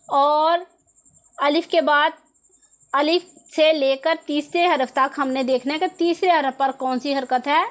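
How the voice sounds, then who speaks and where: A woman teaching a Quran reading lesson, patiently repeating each rule and asking questions before answering them herself. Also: sits high. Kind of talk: step-by-step lesson explanation.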